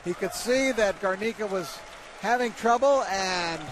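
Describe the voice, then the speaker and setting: High-voiced male boxing commentator. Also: measured pace, fairly bright tone, some chatter behind, slight background noise. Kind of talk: live fight commentary and replay analysis.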